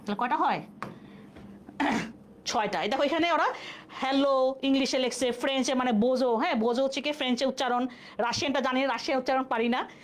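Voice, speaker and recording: A woman's voice: high voice, a little fast. A woman teaching a live online exam-prep class, explaining step by step and asking and answering her own questions.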